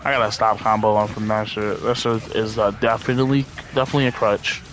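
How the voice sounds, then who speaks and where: A man giving casual gameplay commentary in a laid-back, slangy, profane way, rambling and thinking out loud as he plays. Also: fairly low pitch, flat delivery, a little fast, faint music behind. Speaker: game streamer.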